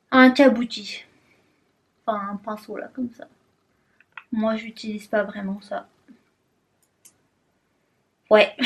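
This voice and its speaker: A young woman vlogs casually from her desk at home, her fairly high voice a little mellow. She giggles and talks to herself while unboxing things.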